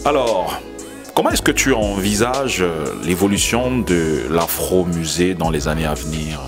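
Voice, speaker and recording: Deep-voiced male interviewer. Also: unhurried, music in the background. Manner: searching, backchannels often with soft agreement. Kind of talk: conversational interview.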